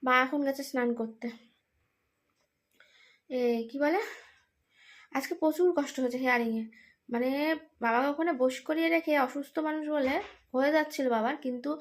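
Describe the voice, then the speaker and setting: A woman, tired, rambling through an exasperated casual vlog monologue with many fillers. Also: sits high. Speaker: vlogger, daughter caring for her ill father.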